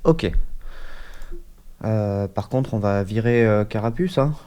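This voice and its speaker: Stuffy from a cold, a man does casual let's-play commentary for his gaming YouTube channel, speaking into his desk mic with hesitation and plenty of fillers. His lowish voice is warm and smooth, slow, with lively intonation.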